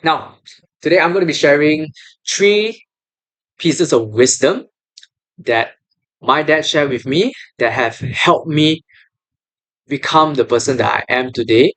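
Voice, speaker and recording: A man's voice: fairly high pitch, lively intonation, unhurried, pauses often, a bit bright, poor audio. A man in his twenties with a Malaysian English accent, hosting his own podcast in an earnest, encouraging way with many fillers and restarts. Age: 20s. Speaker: podcast host. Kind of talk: casual podcast monologue.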